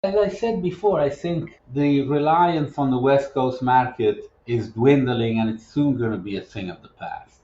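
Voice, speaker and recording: A man who works as a business development advisor, answering interview questions in a measured, explanatory way and often restarting his sentences. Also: mid-range voice, dark tone, echoey room, highs cut off, a little hiss or hum.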